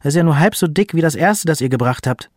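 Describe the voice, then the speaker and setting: A man reading aloud and voicing an angry mother who scolds her sons in a sharp, accusing tone. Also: a little high, expressive, fairly quick, no room sound, studio quality, voice pushed up. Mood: scolding.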